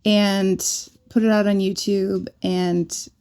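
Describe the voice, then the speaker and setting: A woman's voice: mid-range voice, little pitch movement, slow, darkish tone, clean tone. An American woman co-hosting a casual podcast, chatting easily with fillers and laughing often. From United States. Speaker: podcast co-host. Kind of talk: casual chat.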